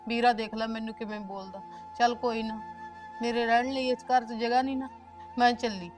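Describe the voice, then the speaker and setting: A woman acting out a stubborn, wounded elder sister with a slightly high voice. She pleads her case with reproach in a short family film, with faint music underneath. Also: level tone, fairly quick, close to an everyday voice. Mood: hurt. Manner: complaining and reproachful.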